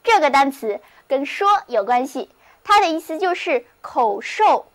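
A woman's voice: high voice, big pitch swings, measured pace. A woman teaching English vocabulary in a scripted lesson, spelling words letter by letter and reading example sentences aloud.

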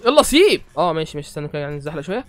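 A man's voice: fairly high pitch, steady tone, racing. A young Egyptian man hosting a horror game playthrough, rambling and joking nervously. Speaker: gaming host.

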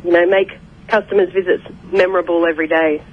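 A woman's voice: on the low side, fairly even intonation, fast. A woman speaking by telephone in a radio interview, polite and hesitant with many fillers. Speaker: sports club representative. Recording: muffled phone line.

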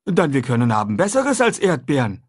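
Brief: timid, simple man pleading in broken speech, pitched high and husky. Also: huge pitch swings, a little fast. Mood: eager plain. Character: frightened hungry grown man, pleading and simple. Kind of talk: audiobook character voice.

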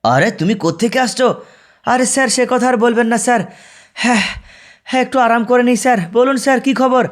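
A man's voice: extremely high pitch, fast talker. A man voicing a lazy, gum-chewing young male gangster in a game video. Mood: laid-back.

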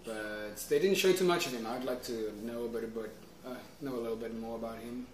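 A man co-hosting a casual movie news chat, easygoing and quick to chuckle, mostly giving short replies. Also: mid-range voice, a little hiss or hum. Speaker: co-host. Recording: echoey room, distant mic.

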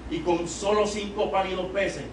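This youth-service sermon comes from a young Puerto Rican evangelist at the pulpit of a small sanctuary, gripping a handheld mic. His voice sits high and moves at normal speed, marked by a Puerto Rican Spanish accent, as his exhortation mounts to loud, emphatic peaks. It is shot from a distant camera, leaving echo and noise.

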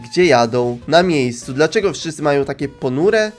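An excitable young man gives casual, joking reaction commentary, tossing off quick asides. His voice sits a little higher than most men's, with faint music playing underneath. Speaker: YouTuber reacting to animations.

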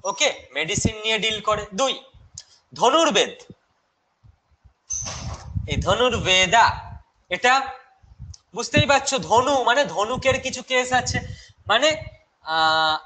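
A man's voice: high-pitched, pushed and bright, a little hiss or hum, rough recording. A young man with a Bengali accent teaching a live online exam-prep class, chatty and mixing in English terms while answering viewers' questions.

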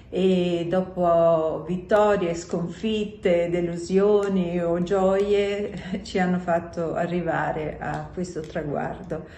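Low, mellow-voiced woman in a video message. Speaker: company president. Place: indoor office or room. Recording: echoey room, faint background noise.

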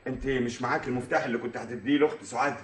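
An actor with an Egyptian accent playing a flustered middle-aged doctor in a stage comedy, rushed and exasperated. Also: male voice, mid-range voice, fairly even intonation, roomy sound, background noise, natural voice. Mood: hurried. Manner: rushed, exasperated, then pleading.

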